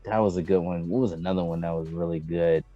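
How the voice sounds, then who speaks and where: A podcast co-host chats casually about video game movies, giving blunt, emphatic opinions in slangy, profane language. His voice sits low, with fairly even intonation and a quick pace. The lo-fi mic sounds dull, with music playing underneath.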